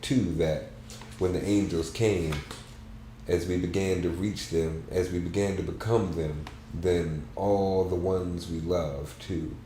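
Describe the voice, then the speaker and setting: A very deep-voiced man reads aloud in a soft, halting, unhurried manner. His tone is dark and mellow, and the room around him rings with a roomy echo over a faint hum. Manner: soft, halting, measured delivery. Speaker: book club host. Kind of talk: reading a book aloud.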